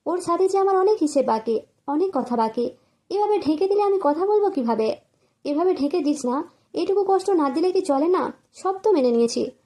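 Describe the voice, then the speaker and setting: A heartbroken husband rages and pleads at his wife's grave, as a woman reader acts him out. The voice is high, strained and desperate. Read as an audiobook drama. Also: lively intonation, normal speed. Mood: frantic. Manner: anguished, pleading, shouting in grief. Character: grief-crazed young husband at a grave.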